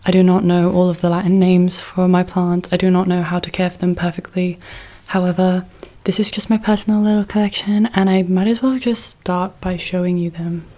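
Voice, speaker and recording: A woman's voice: on the low side, level tone, fairly quick, dark tone. A woman chatting casually as a vlogger about her own things, recorded in a large, echoey room. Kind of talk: casual chatty plant collection vlog.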